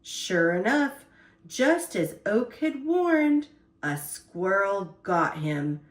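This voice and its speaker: This storyteller, a woman of medium pitch, reads from a children's picture book with deliberate, expressive phrasing. The room has a noticeable echo.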